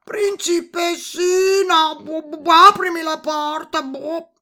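Woman doing a croaking, pushy big toad. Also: sits high, slow pace, voice pushed up. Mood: insistent. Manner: breaks lines with a croaking "boh". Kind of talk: storybook reading.

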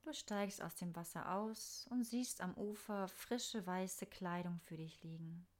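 A woman narrating a scripted guided meditation in a soft, soothing, unhurried manner with pauses. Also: on the low side.

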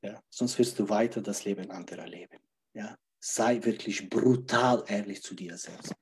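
A man's voice: lowish voice, normal speed. Emphatic man who keeps saying "ja?". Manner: emphatic, keeps asking "ja?" to check in; repeats key phrases, laughs between phrases. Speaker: guest. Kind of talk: podcast conversation.

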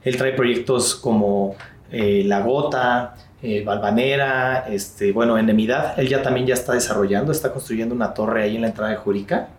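A man's voice: mid-range voice, steady tone, normal speed, roomy sound. A man, a real estate sales executive, answering interview questions thoughtfully with many fillers and restarts.

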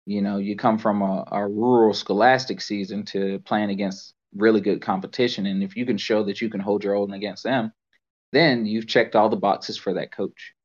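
A man co-hosting a casual sports podcast, explaining things earnestly with frequent halting restarts. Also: lowish voice, steady tone. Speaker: podcast co-host. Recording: muffled lo-fi podcast audio.

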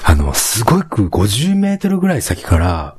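Male podcast co-host, husky, very animated delivery, casual storytelling. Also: on the low side, moderate pace. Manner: animated storytelling, frequent laughter and agreeing fillers. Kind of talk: casual bilingual chat.

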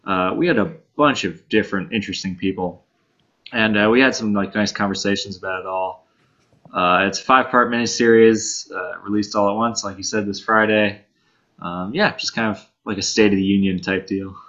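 A young man from New York rambles easygoingly as a podcast guest. His voice is low yet bright and forceful, and the sound is a bit dull and lo-fi. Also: fairly even intonation, moderate pace. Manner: easygoing, rambling, many fillers. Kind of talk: casual podcast chat.

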